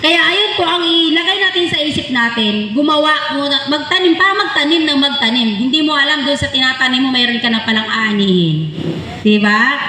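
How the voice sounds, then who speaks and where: A Filipino woman addresses trainees at a ceremony in a high, bright voice. She speaks as a rallying organizer, often prompting listeners to agree. Her voice rings with heavy echo in a large hall. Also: expressive, fairly quick. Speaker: volunteer organization officer giving a graduation address. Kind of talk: motivational ceremony speech to trainees. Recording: echoey hall with long reverb, faint noise.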